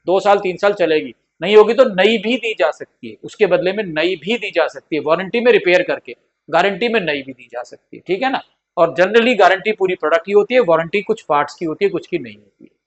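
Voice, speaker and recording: In a lo-fi recording, a man with a high-pitched, expressive voice lectures on accounts at a fairly quick clip. Classroom-style, he keeps repeating key points, works in terminology, and plays the part of pleading partners while drilling his points.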